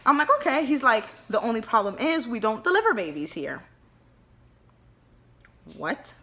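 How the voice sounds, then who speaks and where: A woman's voice: a little high, normal speed. A young woman telling a story casually and with animation, full of fillers, acting out what people said. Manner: chatty and animated, many "like" fillers, acts out dialogue. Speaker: vlogger telling her birth story.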